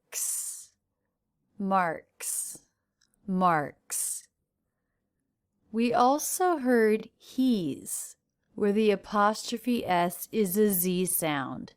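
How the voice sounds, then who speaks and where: A woman pronunciation teacher narrating a lesson very deliberately, repeating each sound. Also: medium pitch, dry recording, clean studio sound.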